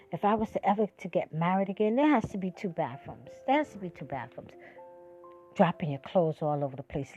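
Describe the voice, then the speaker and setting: This sixty-year-old woman hosts her own podcast, and her voice sits on the low side with a darkish tone, captured on a muffled recording. She delivers a passionate, emphatic monologue, her voice rising and dropping as she preaches her point.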